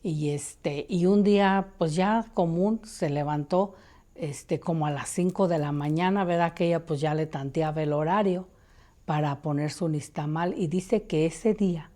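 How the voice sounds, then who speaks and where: A woman's voice: low voice, unhurried, mellow. Lady rambling through a family ghost story, lots of "este" and "pues". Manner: many fillers, quotes her mother's voice. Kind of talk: casual oral storytelling.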